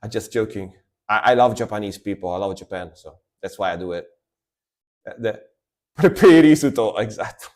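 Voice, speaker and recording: A man's voice: low voice, fairly even intonation, quick pace. A man from Italy, streaming and giving enthusiastic, rambling commentary while reacting to metal music.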